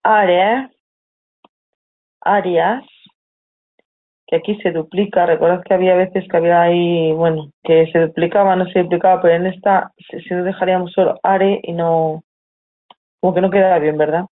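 A woman's voice: lowish voice, fairly even intonation, normal speed, long pauses. A woman with a Spanish accent from Spain, teaching a live online lesson, explaining patiently and reading student questions aloud from the chat. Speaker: Italian teacher. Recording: tinny phone-like audio.

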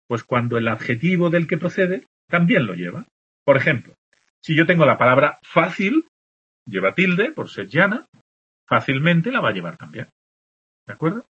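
A man from teaches a spelling lesson, sounding out example words and asking "¿de acuerdo?" after nearly every point. His voice is bright and a little husky, with a pitch that leaps up and down as he stresses the words. The recording is dull and lo-fi. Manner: explains patiently, checks in with constant "¿de acuerdo?". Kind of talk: spelling lesson explaining accent marks.

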